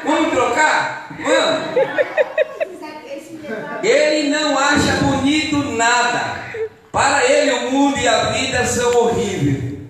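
A man giving an animated children's lesson in a church, often asking the kids questions, heard in an echoey hall from a distance. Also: extremely high pitch, takes it slowly, pauses often.

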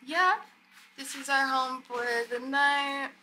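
Holding her phone camera at arm's length, a young travel vlogger talks to the camera from her hotel room and out on the balcony by a city street at night. Her high-pitched voice comes slowly, lively and chatty, over a little hiss or hum.

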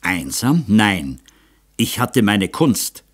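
A man reading an audiobook voices a reserved middle-aged male artist who speaks hard and measured. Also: fairly low pitch, very animated, husky, heavily acted. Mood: restrained.

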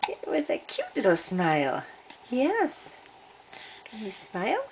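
A woman's voice: on the high side, wildly swooping pitch, slow, darkish tone. An older woman, a grandmother, coaxing a baby in repetitive sing-song baby talk while filming at home. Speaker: grandmother babysitting. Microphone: camcorder mic. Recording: noisy home camcorder audio.

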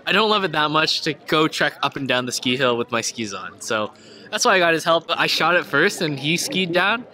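A man's voice: fairly high pitch, expressive, moderate pace, pushed and bright. A young man chatting casually and upbeat in a vlog, talking into a small handheld mic in an outdoor hot tub. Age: young adult. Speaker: vlogger. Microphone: handheld mini mic. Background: music.

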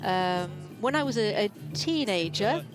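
A woman giving a simultaneous English interpretation of live red-carpet television, in halting phrases with hesitations. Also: mid-range voice, lively intonation, over music.

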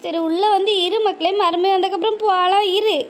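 A woman voicing a doting, tearful old village mother, speaking softly and plaintively. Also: very high voice, fairly even intonation, fairly quick. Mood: pleading. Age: older. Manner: pleading, soft and plaintive. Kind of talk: cartoon voice acting.

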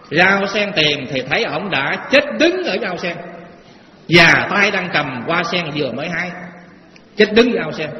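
A man, a Buddhist monk, giving a Dharma talk to lay followers in a temple hall, telling folksy stories and asking the audience rhetorical questions. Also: high voice. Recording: echoey hall, dull lo-fi sound, faint noise.

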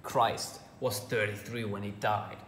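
A man's voice: on the low side, steady tone, unhurried, a bit bright. Young German man vlogging, laughing often. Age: young adult. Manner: laughs often, swears casually. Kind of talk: casual vlog chat on a call. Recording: roomy echo, faint room noise.

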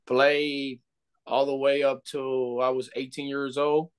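A man's voice: mid-range voice, flat delivery, takes it slowly, smooth. A young man from the Dominican Republic with a Dominican Spanish accent, a baseball coach talking earnestly on a video call, often restarting and saying "you know". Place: indoor room. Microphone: webcam on video call.

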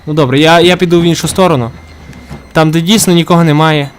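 A man's voice: fairly high pitch, steady tone, fast talker, smooth. A man commentating a horror game as he plays, jumpy and swearing constantly, yelping when startled. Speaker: gamer playing a horror game. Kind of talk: let's play commentary.

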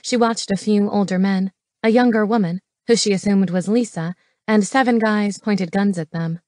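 A woman reading an audiobook as its narrator, steady and matter-of-fact. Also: medium pitch, normal speed, dry recording. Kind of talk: scripted narration. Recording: dry studio voice.

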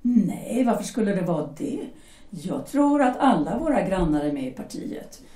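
In an echoey room, set back from the mic, a woman with a natural, warm, sing-song mid-range voice performs in an amateur audio drama. She plays a pragmatic young German mother, a shipyard worker's wife, persuasively and insistently coaxing her husband while brushing off his doubts.

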